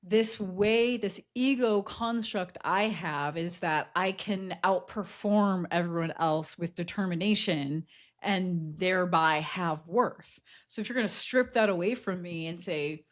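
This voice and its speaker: A woman co-hosting a podcast tells a personal story in a casual chat, candid and reflective, laughing often and using plenty of fillers. Her voice is lowish and a little slow.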